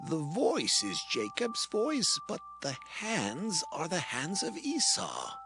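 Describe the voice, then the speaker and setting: A man's voice: a little high, huge pitch swings, slow pace, music in the background, heavily acted. An actor playing an aged, solemn patriarch father in a dramatized scripture reading, speaking with emotion. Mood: searching, uncertain. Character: aged patriarch father, solemn, trembling, blessing his son.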